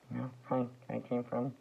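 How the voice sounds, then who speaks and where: A man rambling through a slow, halting vlog monologue full of fillers and restarts. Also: mid-range voice, creaky, very noisy. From United States. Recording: tinny phone-like sound.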